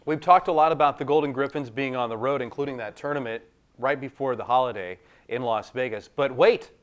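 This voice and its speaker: A man hosts a college sports radio show in a mid-range voice. He questions the coach and pitches ticket deals with upbeat emphasis. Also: fairly quick. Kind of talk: sports radio host, promotional reads.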